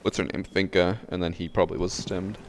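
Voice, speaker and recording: A man's voice: deep voice, level tone, a little fast, slight background noise. A man streaming a game, chatting casually and teasing a friend with sarcastic banter. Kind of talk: casual gaming stream chat.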